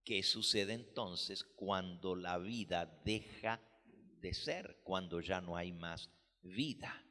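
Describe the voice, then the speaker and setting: A man preaching a sermon as pastor, teaching slowly and deliberately, explaining words with care. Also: sits low, bright, forceful tone, long reverb tail. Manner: slow, deliberate teaching with careful word explanations.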